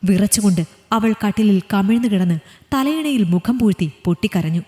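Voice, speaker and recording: A woman narrating a story in a measured, scripted reading. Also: mid-range voice, warm tone, in a large hall.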